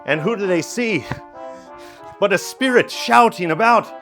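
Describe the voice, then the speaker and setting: Male storyteller for a one-man puppet musical, slow, animated, off-the-cuff asides. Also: high-pitched, soft background music. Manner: unhurried, with improvised asides. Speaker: narrator and performer.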